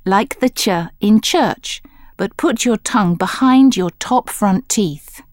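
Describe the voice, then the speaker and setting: A woman giving scripted instructional narration for a language course, explaining in a clear, measured manner. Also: mid-range voice, darkish tone, dry recording, studio quality.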